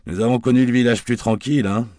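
A man's voice: medium pitch, fairly even intonation, quick pace, a little mellow, no echo, studio quality, voice pushed up, natural voice. A man voicing a wisecracking middle-aged male barman with slangy, bantering talk. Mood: jovial banter.

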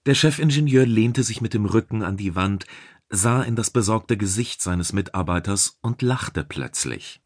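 A man reading a sci-fi audiobook in a measured storytelling manner. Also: on the low side, lively intonation, no room sound, studio quality. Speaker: audiobook narrator. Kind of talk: scripted narration.

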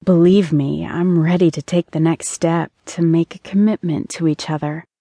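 A woman's voice: sits low, fairly even intonation, normal speed, warm tone, dry recording, studio quality. Woman voicing an earnest, hopeful young heroine. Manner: earnest, pleading.

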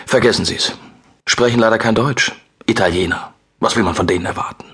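A man's voice: fairly low pitch, fairly quick, fairly bright tone, slightly rough, heavily acted. A man voicing a brutal, threatening guard commander in his fifties. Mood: contemptuous. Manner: threatening, hissing, contemptuous. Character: bull-necked Swiss Guard commander, man in early fifties, menacing and brutal.

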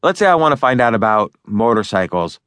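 Here the author-narrator sounds very animated and brisk, his voice on the low side yet fairly bright, with no echo in the recording. He reads his book in a relaxed, conversational manner, restarting and adding fillers while discussing each point.

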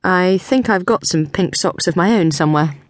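A woman's voice: on the low side, normal speed, dry recording, lightly acted. A woman voicing a dry-witted young female detective in an audiobook, talking in an understated, wry way. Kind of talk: audiobook dialogue.

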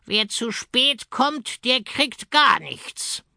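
A male narrator voicing a grumpy, stubborn flock of hens in a children's audiobook, with a creaky, drawn-out cackle. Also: very high voice, lively intonation, sharp tone, dry recording, studio quality, exaggerated voice.

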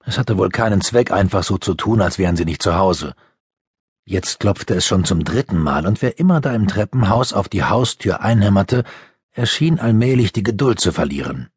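A man reading a youth fantasy audiobook with lively storytelling. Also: lowish voice, normal speed, slightly rough, no room sound, clean studio sound. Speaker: audiobook narrator. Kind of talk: scripted narration.

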